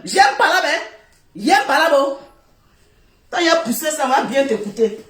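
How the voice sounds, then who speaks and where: A woman with a West African French accent scolding someone on a live video, loud and repetitive, laughing as she talks. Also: sits high. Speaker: social media personality. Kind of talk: heated live video rant. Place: seated on the floor indoors, filming herself. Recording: roomy echo.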